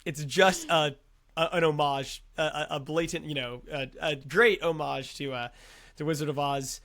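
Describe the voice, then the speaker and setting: A man with a notably high voice co-hosting a casual film review podcast. He talks in a sarcastic, joking way and often drops into quiet mumbled asides. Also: fairly even intonation, normal speed. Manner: sarcastic, dry jokes, trails off into low mumbles. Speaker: podcast co-host.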